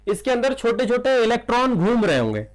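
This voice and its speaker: High-voiced Indian man teaching chemistry. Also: very animated, fairly quick. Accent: Hindi. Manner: questions students, answers himself; calls listeners child. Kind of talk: classroom lecture.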